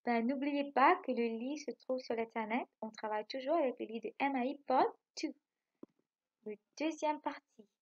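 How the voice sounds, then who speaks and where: A woman with a Mauritian French accent teaching a remote lesson to young pupils, explaining slowly and patiently and checking often that they follow. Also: sits high, highs cut off. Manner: slow, patient explaining with frequent checks for understanding. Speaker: primary school teacher. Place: home.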